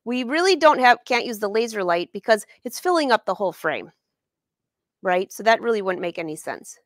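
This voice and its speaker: Very animated and speaking fairly quickly, a sewing educator and brand ambassador in her forties hosts a live lesson from her studio. In her mid-range voice she chats cheerfully and replies to viewers by name. There is no echo on the recording.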